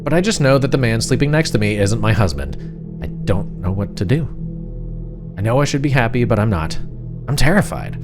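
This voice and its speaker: A man narrating a horror story in the first person as a frightened, suspicious wife, confiding and uneasy, with deliberate pauses. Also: fairly low pitch, lightly acted. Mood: anxious, pleading. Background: music.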